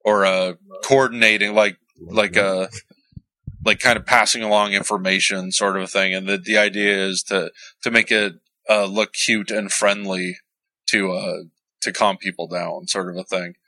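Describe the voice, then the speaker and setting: A man co-hosting a casual podcast chat, animated and laughing, with plenty of fillers. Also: lowish voice, moderate pace, dry recording, poor audio. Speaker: podcast co-host.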